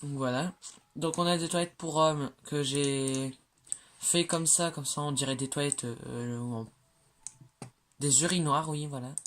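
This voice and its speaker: Unhurried and steady in tone, a medium-pitched, slightly bright voice takes us through the speaker's game builds. This creator narrates casually but hesitantly, with plenty of fillers and self-corrections, keeping it chatty by teasing themselves over their slips.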